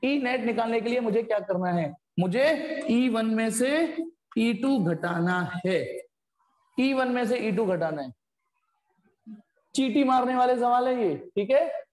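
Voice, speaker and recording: A man's very high, expressive voice, slightly slow and darkish in tone, carries an online physics class. He builds up explanations step by step, breaking off for blunt scoldings of his students. Long reverb from an echoey room colors the recording.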